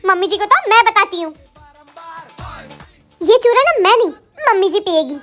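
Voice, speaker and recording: A woman's voice: very high voice, expressive, fairly bright tone. A woman playing a cheeky, scheming young daughter-in-law in a comedy sketch, with light music underneath. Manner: cheeky, quick and exclaiming.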